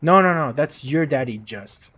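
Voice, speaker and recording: A man in his thirties streaming a game, chatting casually with friends, excitable and swearing, chanting silly nonsense. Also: fairly high pitch, normal speed. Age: 30s. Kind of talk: casual gaming chat with friends.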